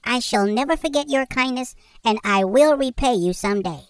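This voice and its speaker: A man's voice: extremely high pitch, animated, normal speed, dry recording, clean studio sound, voice pushed up. A man voicing a tiny, timid male mouse that pleads earnestly in a storybook reading. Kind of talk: storybook character voice.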